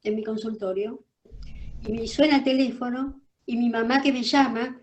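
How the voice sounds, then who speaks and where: An older woman with a Rioplatense Spanish accent, a guest telling her personal story in an interview from her office, emphatic and animated, restarting phrases as she goes. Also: fairly high pitch, moderate pace, dull audio.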